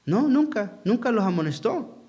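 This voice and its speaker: A man's voice: high voice, very animated, normal speed, darkish tone, lo-fi sound. A man preaching as pastor in a church hall, asking the congregation questions and acting out quotes in a sermon.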